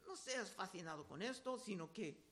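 A man's voice: sits high, expressive, normal speed, a bit bright. A man preaching a sermon, reading Bible verses aloud and explaining them, often repeating key words.

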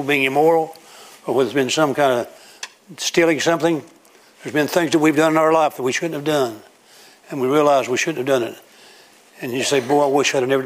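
Folksy preacher. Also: male voice, mid-range voice. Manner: folksy storytelling, acting out everyday scenes. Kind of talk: sermon. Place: church room with a congregation.

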